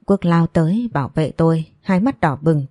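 A woman reads a first-person story aloud in a calm, measured voice that sits fairly low. Her tone is dark and mellow. The recording is dry and close, with no room sound. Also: no echo. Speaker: narrator.

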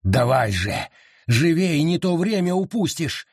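A man's voice: mid-range voice, lively intonation, a little slow, breathy edge, no echo, clean studio sound. A man voicing a wild, commanding male forest beast spirit, urgent and insistent. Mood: demanding. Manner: urgent, insistent, bellowing orders.

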